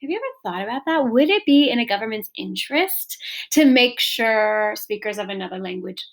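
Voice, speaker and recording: A woman's voice: on the high side, expressive, normal speed. A young woman teaching a recorded lesson, switching between two languages and checking in patiently with her students.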